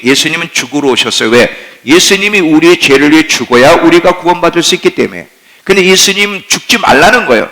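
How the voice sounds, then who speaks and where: A man's voice: on the high side, vocal fry, pushed and bright, rough recording. A male pastor preaching a sermon in a plain-spoken way, asking questions of his congregation.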